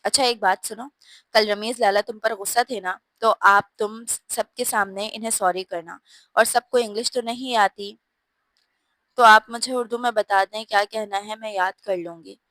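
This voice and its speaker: Woman doing innocent young girl, storybook, halting earnest speech, dry sound. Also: mid-range voice, fairly even intonation, pushed and bright, no room sound, lightly acted. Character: young woman raised abroad, innocent and playful.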